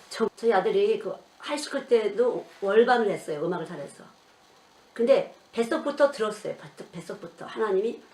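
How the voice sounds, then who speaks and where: A woman's voice: medium pitch, distant mic. Older woman preaching in an echoey room. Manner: animated storytelling, acting out quoted voices. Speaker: children's missionary preacher. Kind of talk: sermon.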